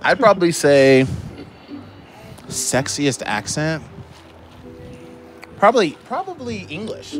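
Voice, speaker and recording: A man's voice: a little high, sing-song, takes it slowly, pauses often, faint music behind. A man interviewing a performer, easygoing and playful. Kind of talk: casual interview. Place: outdoor festival.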